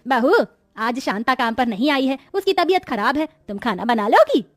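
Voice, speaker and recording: A woman's voice: high-pitched, lively intonation, moderate pace, no room sound, clean studio sound. A woman voicing a wealthy, fussy but patient mother-in-law in a cartoon who speaks in a coaxing way. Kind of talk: Hindi cartoon voice acting.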